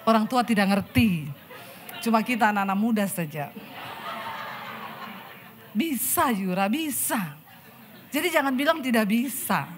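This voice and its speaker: A woman pastor with an Indonesian accent preaching a lively sermon to a church congregation, acting out the people in her stories with chatty asides. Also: a little high, fairly quick, slight background noise. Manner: animated, acts out quoted people, chatty asides. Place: church service in front of a congregation.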